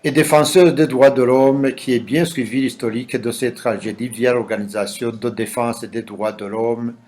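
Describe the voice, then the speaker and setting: A man from Burundi, a human rights defender, giving a measured testimony and listing names and places one by one. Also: medium pitch, steady tone, a little mellow. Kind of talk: read testimony.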